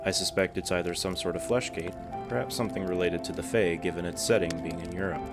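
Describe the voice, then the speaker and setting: Deep-voiced man narrating a spooky story. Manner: calm, unhurried storytelling. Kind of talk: scripted narration. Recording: narration over clear background music.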